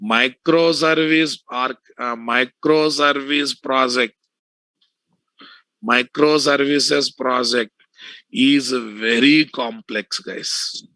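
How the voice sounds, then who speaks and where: A man's voice: medium pitch, fairly even intonation, very slow, sharp tone, no room sound. A man with a Telugu accent lecturing students informally as an instructor, repeating phrases and often checking that they follow. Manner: repetitive, checking often for understanding. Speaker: software instructor teaching an online class.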